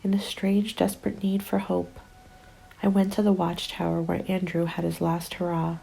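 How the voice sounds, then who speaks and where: A woman gives a heavily acted ASMR roleplay, narrating in the first person from a script as a bleak, despairing apocalypse survivor while soft music plays. Her lowish, soft, mellow voice has gravelly fry at the edges, and her hushed delivery often becomes a whisper. She speaks at a moderate pace, completely flat and subdued, with a narrow melody.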